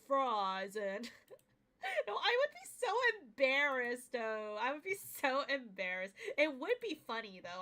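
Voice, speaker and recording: A woman's voice: on the high side, pushed and bright. A woman streamer chatting casually during a game, giggly and a little self-conscious. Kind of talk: casual chat while voicing game dialogue.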